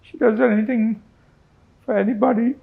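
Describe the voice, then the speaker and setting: A man's voice: sits high, fairly even intonation, moderate pace, gravelly, husky, narrow, tinny audio. A man speaking reflectively in an interview, often adding little tag questions. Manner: musing, with frequent tag questions.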